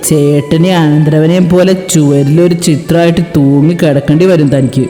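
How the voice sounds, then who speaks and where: A woman's voice: low-pitched, fairly even intonation, moderate pace, warm tone, lightly acted. A woman doing a menacing young man. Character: fierce young man, protective and threatening. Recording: echoey reverberant room with music.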